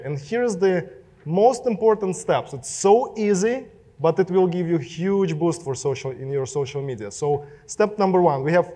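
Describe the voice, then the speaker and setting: A man's voice: fairly high pitch, a little mellow. A young man with a Russian accent gives a casual talk to a live audience, speaking directly and asking the room questions. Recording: long reverb of a hall.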